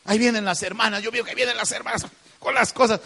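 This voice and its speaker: Man, pastor, emphatic preaching, bright sharp tone, reverberant church hall. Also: high-pitched, fairly even intonation, fast talker, gravelly. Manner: emphatic preaching, addresses listeners as brother. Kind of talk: sermon.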